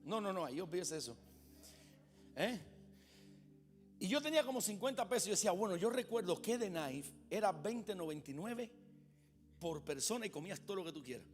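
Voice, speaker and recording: Male pastor with a high voice, lively sermon with call-and-response, faint instrumental music behind. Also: a little fast, long pauses, in a large hall. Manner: animated, questions the congregation often. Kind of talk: sermon with humorous personal stories. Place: church sanctuary.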